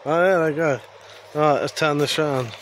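A man's voice: fairly high pitch, moderate pace, slight background noise. A man in his thirties vlogging casually outdoors by a river, filming on a phone at arm's length, joking and teasing himself. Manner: jokey, self-mocking, chatty. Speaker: YouTube vlogger. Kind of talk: casual travel vlog. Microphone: phone held at arm's length.

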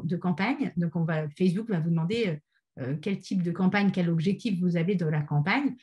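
A woman presenting an online training session, talking with many fillers and restarts. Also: mid-range voice. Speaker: webinar speaker on ad testing.

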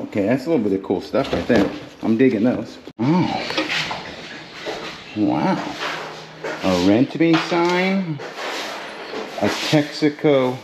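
A man's voice: medium pitch, noisy background. A man casually narrating a storage unit dig as he goes through boxes, chatty and joking, talking to his camera. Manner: chatty, joking, thinking aloud. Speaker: storage auction reseller. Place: metal storage container, indoors.

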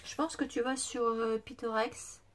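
In this casual unboxing vlog, a woman who makes craft videos shows off presents she was given, exclaiming, gushing, and now and then whispering as her voice gives out. She speaks unhurriedly in a slightly high, level tone, with background noise present.

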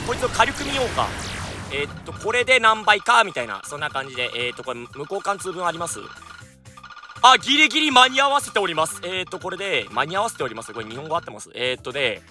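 High, lively man. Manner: energetic, jokey, loud outbursts. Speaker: gaming YouTuber. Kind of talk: let's-play commentary.

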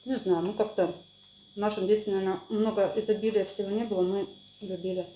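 A middle-aged woman talking softly and unhurriedly in a homely way while chewing food, as the host of an eating video with her son. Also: medium pitch, steady tone, brisk. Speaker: mukbang host and mother. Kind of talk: casual eating chat at home. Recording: echoey room with faint noise.

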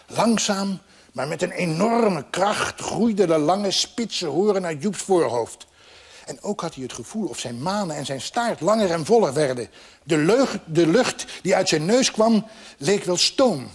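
Expressive male storyteller with a husky, higher voice, reading a storybook. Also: measured pace. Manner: lively, expressive.

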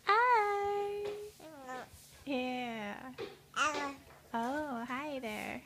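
Mother cooing baby talk, high and drawn-out, coaxing sing-song delivery. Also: sing-song.

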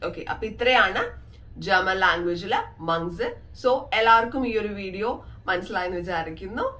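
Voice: mid-range voice, normal speed, sharp tone, distant mic. A language teacher giving a pronunciation lesson, saying each word twice and slipping in English phrases.

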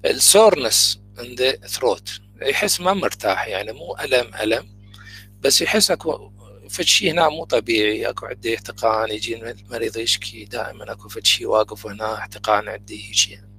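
Man, Iraqi accent, medical lecturer, gravelly, bright tone, slows down on English terms. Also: mid-range voice, soft background music, rough recording. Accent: Iraqi Arabic. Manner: switches between Arabic and English medical terms, slow on terms. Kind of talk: university lecture.

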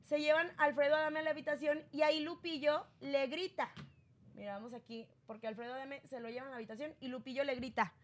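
A woman's voice: fairly even intonation, fast talker, a little hiss or hum. A woman hosting a casual gossip commentary, chatty and acting out quotes. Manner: chatty, acts out quotes with raised pitch. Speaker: gossip show host.

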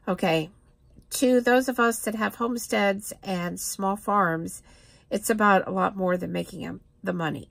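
A woman's voice: fairly high pitch, gravelly, a bit bright, dry recording. A middle-aged woman talking straight to a close camera in a cluttered room, earnest and plain-spoken as a homesteading vlogger. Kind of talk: casual talking-head vlog.

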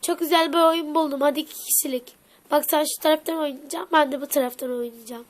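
High-voiced woman playing with toys. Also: steady tone, fast talker. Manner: playful, bickering figure voices. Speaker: toy video creator. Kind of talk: toy play voicing all the figures.

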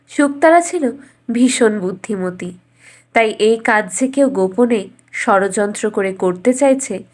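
A woman with a fairly high voice tells a scripted bedtime fairy tale, narrating in a measured, expressive storyteller's manner.

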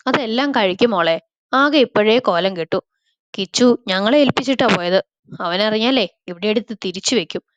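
A woman's voice: mid-range voice, lively intonation, normal speed, no echo, natural voice. A woman voicing a caring middle-aged mother who coaxes and fusses, on a slightly dull, dry recording. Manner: motherly and coaxing.

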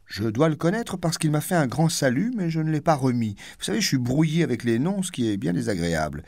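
A man's voice: deep voice, sing-song, moderate pace, a little mellow, no room sound, clean studio sound. A man doing a pompous, self-satisfied duke. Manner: self-satisfied, mock-plaintive.

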